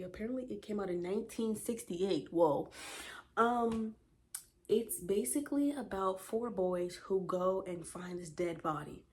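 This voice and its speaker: A woman of twenty chatting to viewers about the books she read while doing her makeup, retelling plots with lively asides and rhetorical questions. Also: mid-range voice. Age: 20s. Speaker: book vlogger.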